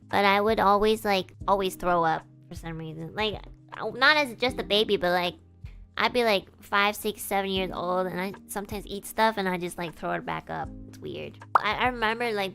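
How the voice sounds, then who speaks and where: A woman streamer recalls a story in relaxed, casual talk. Her delivery meanders, packed with fillers and restarts. Her voice sits at a mid pitch over faint background music. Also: vocal fry. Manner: meandering, filler-heavy recollection.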